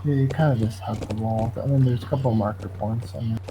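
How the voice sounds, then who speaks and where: A man's voice: mid-range voice, steady tone, fairly quick, noisy background. A man talking casually during a video game in a laid-back, hesitant way. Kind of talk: casual chat while playing a video game.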